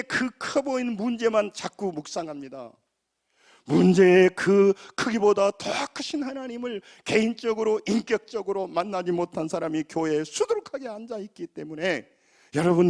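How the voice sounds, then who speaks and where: A man's voice: sits high, darkish tone. A man with a Jeolla Korean accent preaching a sermon as pastor, emphatic and folksy, asking the congregation to repeat phrases after him.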